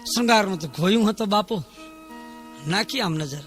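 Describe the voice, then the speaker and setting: A man's voice: sits high, lively intonation, moderate pace, fairly bright tone, soft background music. A man telling a heroic folk tale in a dramatic, declamatory dayro style, stacking rhythmic lists. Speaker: folk storyteller. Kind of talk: dayro folk storytelling performance.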